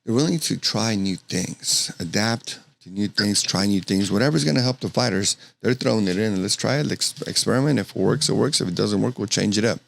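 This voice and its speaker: A man's voice: lowish voice, brisk, gravelly, few pauses. A man hosting a casual podcast, effusive and full of hype as he introduces guests and fights. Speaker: podcast host.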